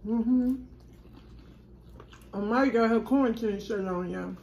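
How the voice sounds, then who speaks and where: A woman's voice: fairly high pitch, a little slow, gravelly, darkish tone, roomy sound, slight background noise. A woman vlogging from her dinner table, chatting to viewers and calling them "y'all". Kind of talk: casual chat.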